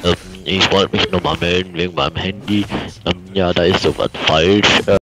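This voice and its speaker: A man's voice: sits low, fairly even intonation, normal speed, very noisy. A man speaking casually and hesitantly, as on a phone call. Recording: loud music behind voice.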